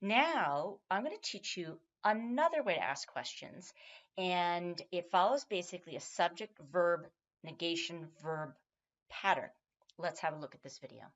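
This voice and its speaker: A woman introducing sections of a language lesson in a relaxed, conversational way. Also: lowish voice, a little slow. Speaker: language teacher. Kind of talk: lesson narration. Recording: dull lo-fi recording.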